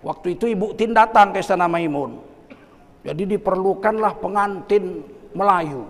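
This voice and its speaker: A man giving a humorous sermon, telling stories and bursting into emphatic shouts. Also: high-pitched, moderate pace, long reverb tail. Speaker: Islamic preacher.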